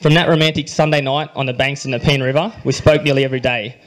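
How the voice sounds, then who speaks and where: Young aussie guy doing his groom speech on a handheld mic, dry jokes, gets a bit emotional, keeps clearing his throat. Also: medium pitch, fairly even intonation, quick pace, poor audio. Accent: Australian. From Australia. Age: young adult. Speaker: groom giving a wedding speech. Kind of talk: reading a prepared wedding speech. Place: wedding reception hall, indoors. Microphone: handheld microphone.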